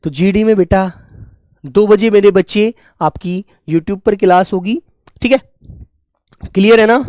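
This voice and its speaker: A man's voice: sits high, a little mellow, no room sound, clean studio sound. A young man teaching Hindi spelling in a live online class, calling students "beta" and drawing out each word as he drills it. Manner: affectionate, calls students "beta" and "my children"; repeats and drills words slowly.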